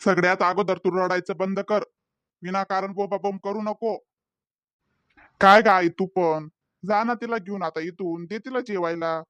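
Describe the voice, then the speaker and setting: A man's voice: sits high, fairly even intonation, a little slow, a bit bright, clean tone, dry recording, dull audio. A man voicing a patient, placating cartoon dad. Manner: soothing, placating. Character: patient, placating young father. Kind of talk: cartoon voice acting.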